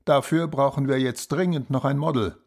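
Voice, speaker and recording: An actor playing a businesslike male magazine editor who leaves a polite, hurried voicemail in a scripted language-lesson dialogue. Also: medium pitch, fairly even intonation, vocal fry, a little mellow. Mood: polite, urgent. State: leaving a voicemail.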